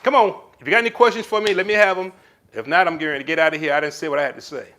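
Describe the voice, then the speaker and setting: A man with a fairly high, rapid-fire voice hosts a casual live stream, reading comments from viewers and offering relationship advice. He's animated and calls his viewers pet names like "baby."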